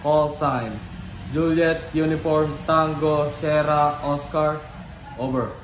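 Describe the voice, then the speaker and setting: A man's voice: fairly high pitch, fairly even intonation, slow. A man speaking as a ship radio operator in formal marine radio procedure, spelling out call signs and digits word by word. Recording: echoey room with background noise.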